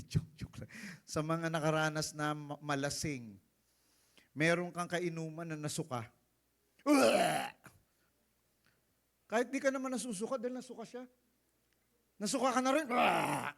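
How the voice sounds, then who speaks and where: A male pastor preaching a sermon in a church. He is animated, acts out the stories, and keeps asking the congregation "Amen?". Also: fairly high pitch. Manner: animated, acts out quotes, often asks "Amen?".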